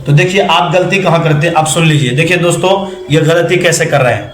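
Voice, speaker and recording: Male teacher with a high voice, drills sounds slowly and patiently, echoey room. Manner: slow, drawn-out modelling of sounds, encouraging repeats. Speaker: Quran recitation teacher. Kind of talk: patient one-on-one recitation coaching.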